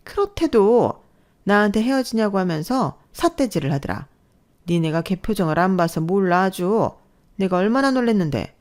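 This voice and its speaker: A woman's voice: mid-range voice, sing-song, moderate pace, darkish tone, voice pushed up, natural voice. A woman voicing a domineering, scornful older mother-in-law who scolds and belittles. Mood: indignant. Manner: scolding, contemptuous.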